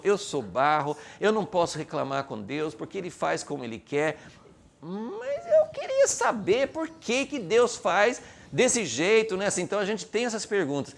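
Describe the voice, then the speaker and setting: A man teaching a recorded Bible class, speaking in an animated way, acting out imagined questions and filling his talk with restarts and fillers. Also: medium pitch.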